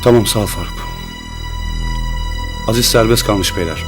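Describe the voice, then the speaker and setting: An actor playing a worried man talking quickly with his friends. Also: on the low side, music in the background, lightly acted. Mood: tense.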